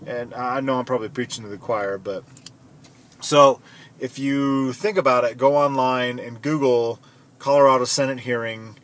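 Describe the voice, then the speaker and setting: A man's voice: medium pitch, steady tone, normal speed, fairly bright tone. A man talking casually while driving, in a rambling, conversational way with restarts. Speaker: vlogger. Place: in a car. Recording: car road noise. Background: road noise.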